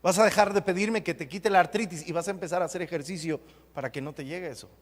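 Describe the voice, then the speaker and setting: A man preaching a sermon as pastor, emphatic and repetitive, with sudden loud bursts. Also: high voice, fast. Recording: long hall reverb.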